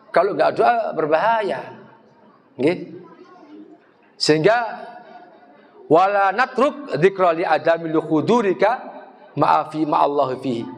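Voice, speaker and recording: A male preacher with an East Javanese accent gives an animated sermon, slipping into Javanese and chanting Arabic phrases. His voice sits fairly high for a man. The sound carries the long echo of a mosque hall.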